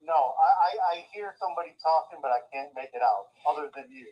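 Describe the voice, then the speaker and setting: Guy on speakerphone, husky gravelly voice, muffled dull phone sound, pitch bounces around. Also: lively intonation, quick pace. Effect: heard over a phone on speakerphone. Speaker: friend calling in for a ride. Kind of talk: casual phone chat.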